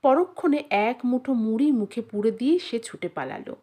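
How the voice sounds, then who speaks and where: A woman narrating a short story in an expressive, unhurried audiobook reading. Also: fairly high pitch.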